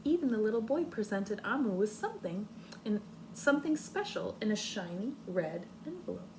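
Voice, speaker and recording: Against a noisy backdrop, a teacher, female and medium-pitched, reads to young children with deliberate expression, pausing to question them along the way.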